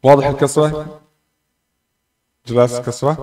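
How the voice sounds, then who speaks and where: A man teaching Quran pronunciation, explaining calmly and drawing out syllables again and again to demonstrate them. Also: mid-range voice. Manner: slow and patient, repeating letters and syllables to demonstrate pronunciation. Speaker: tajwid teacher. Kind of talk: Quran recitation lesson. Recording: roomy echo, distant mic.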